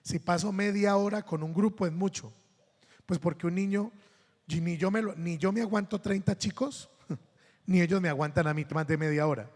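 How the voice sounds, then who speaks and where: A man's voice: high-pitched, moderate pace, big-room sound. A Colombian man, a priest giving a sermon, telling funny anecdotes and acting out the voices of the people in them. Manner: anecdotal, humorous, acts out quoted voices.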